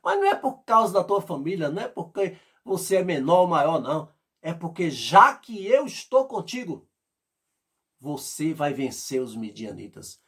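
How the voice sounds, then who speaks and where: A man preaching as pastor, fervent and pleading, with loud bursts and soft passages. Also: a little high, very animated, moderate pace, breathy edge. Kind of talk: sermon.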